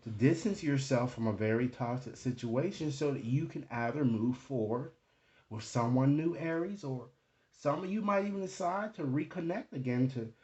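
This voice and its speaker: In lo-fi audio, a man with a warm, mid-range voice and moderate pace hosts a casual tarot reading. He improvises as he addresses the viewer, often checking in with brief tag questions.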